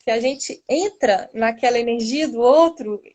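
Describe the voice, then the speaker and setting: A woman's voice: a little high, measured pace, low-quality recording. A woman, a massage therapist, talking casually and reflectively on a live video call, often tagging "né?". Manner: conversational, frequent "né?", soft laughs.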